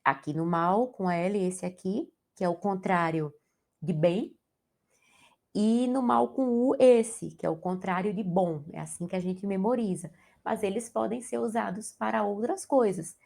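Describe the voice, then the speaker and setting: Gravelly-voiced woman teaching grammar. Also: medium pitch, a little slow, darkish tone. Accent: Brazilian Portuguese. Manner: explanatory, asks the class to check in with tag questions. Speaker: Portuguese teacher. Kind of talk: exam-prep grammar lesson.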